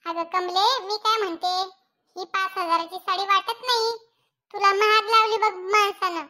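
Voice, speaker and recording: A performer voicing a sharp-tongued, gloating middle-aged village woman in a cartoon comedy, speaking in a taunting, scolding way. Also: very high voice, steady tone, normal speed, heavily acted. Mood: mocking. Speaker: Shantabai, neighbor.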